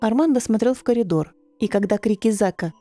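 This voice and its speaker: A woman's voice: fairly quick, mellow, soft background music. A woman reading a fantasy story aloud as narrator, dropping her voice for the male characters. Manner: voices several men in lowered tones. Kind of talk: scripted audiobook narration.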